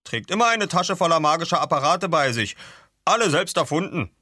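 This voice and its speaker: Man voicing a scheming ship's officer, chuckling, snappish, bright tone, lively pitch. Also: a little fast, no echo, studio quality. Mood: scornful.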